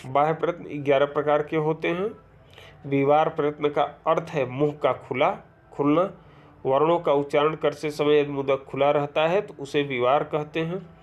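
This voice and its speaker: A man's voice: a little high, fairly even intonation, moderate pace, lo-fi sound. A man with a somewhat raised voice teaches an exam-prep grammar lesson from a close mic. He reads out rules, lists letters one by one, and keeps checking whether his students have followed. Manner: explains step by step, often checks "clear?".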